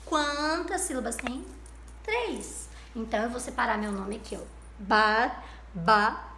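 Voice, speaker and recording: A woman's voice: a little high, expressive, normal speed, a bit bright, a little hiss or hum. A woman teacher with a Brazilian Portuguese accent gives a lesson to young children. She is patient and sing-song, stretching out syllables and praising the class. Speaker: primary school teacher. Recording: roomy echo.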